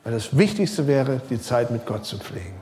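A middle-aged male pastor preaching a sermon, talking casually and directly to his listeners, his voice rising and falling. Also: normal speed. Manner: lively preaching, pitch rising and sinking, some quiet passages; casual, direct address with English loanwords.

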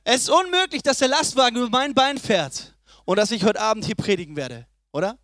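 Young male preacher, very high voice, lively swings from loud to hushed, dry close sound. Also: a little fast, no room sound. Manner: lively, swings between loud emphasis and soft low asides. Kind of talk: sermon.

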